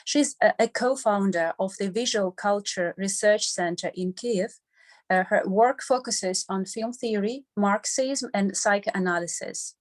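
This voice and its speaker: A woman chairing an academic panel, reading out a speaker's background in a measured way. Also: mid-range voice. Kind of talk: introducing a speaker.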